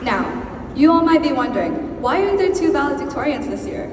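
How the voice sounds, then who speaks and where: A young woman in her late teens delivers a graduation podium speech as a valedictorian. Her voice is a little high. It is picked up from a distance in a big, echoing hall with clear noise. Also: sing-song, a little fast. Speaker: student valedictorian. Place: large school gym, on stage. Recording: echoey gym hall, distant mic, noisy.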